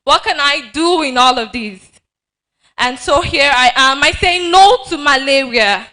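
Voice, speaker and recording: A woman performing a spoken-word poem. Her voice is high and bright, and her delivery is slow and dramatic. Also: animated, low-quality recording.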